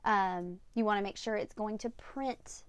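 A woman's voice: mid-range voice, a little slow, clear, resonant tone, dry recording. A woman hosting a casual solo advice podcast, giving upbeat, tidy step-by-step tips like a vlogger. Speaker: podcast host.

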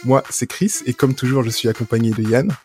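Guy hosting a gaming podcast, mid pitch, little music underneath. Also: fairly quick, darkish tone. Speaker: podcast host. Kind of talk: podcast interview.

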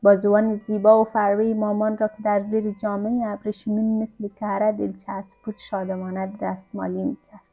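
Even-voiced woman narrating a novella. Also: medium pitch, hardly any pauses. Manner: calm, even storytelling. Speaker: audiobook narrator. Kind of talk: literary audiobook narration. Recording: dull lo-fi recording with faint music.

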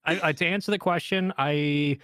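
A man on an esports panel making his case in an animated, rapid-fire way. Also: fairly high pitch, clean tone, dry recording, studio quality. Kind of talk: casual panel discussion.

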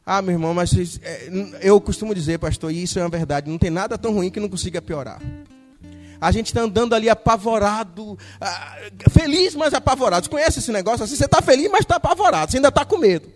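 A Brazilian pastor preaching a sermon, retelling a story with lively acted-out dialogue. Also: male voice, high voice, fast talker, in a large hall, faint music behind. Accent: Brazilian Portuguese. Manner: animated storytelling, acting out dialogue.

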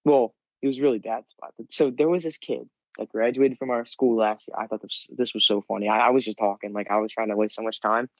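A man's voice: lowish voice, fairly even intonation, fast talker, hardly any pauses, no room sound, low-quality recording. Rambling teenage guy telling a story. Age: teens. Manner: rambling storyteller, lots of fillers and restarts. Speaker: podcast co-host. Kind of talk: casual chat.

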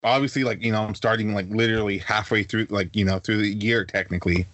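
Young man, casual podcast co-host; animated storyteller who mimics others in a high voice; dry studio sound. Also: fast talker, no room sound. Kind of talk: casual chat.

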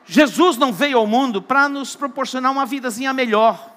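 A Brazilian pastor preaches with a high, bright, ringing voice. He tells jokes and Bible stories, swinging from quiet asides to loud, emphatic delivery. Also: a little fast. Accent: Brazilian Portuguese. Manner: joking storyteller, shifts between hushed and loud emphatic. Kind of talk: sermon.

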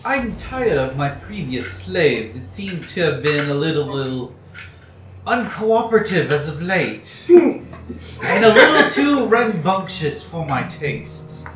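A man voicing a sinister male slave buyer who talks in a slow, measured, menacingly polite way. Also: on the high side, big pitch swings, fairly bright tone, heavily acted. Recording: echoey room with music behind.

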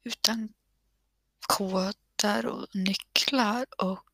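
A woman's voice: mid-range voice, fairly even intonation, gravelly, fairly bright tone, dry recording. A woman whispering nervously as she narrates a horror game, stammering and swearing under her breath.

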